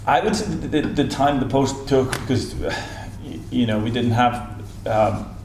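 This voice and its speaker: A man's voice: mid-range voice, moderate pace, a little mellow. A middle-aged man from Iceland, a film director answering interview questions hesitantly, with many fillers and restarts. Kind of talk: festival interview. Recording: echoey room, faint noise.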